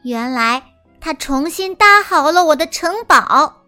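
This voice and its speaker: A woman telling a children's story as a small timid mouse, in a sweet, expressive, sing-song manner. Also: high-pitched, slow, faint music behind.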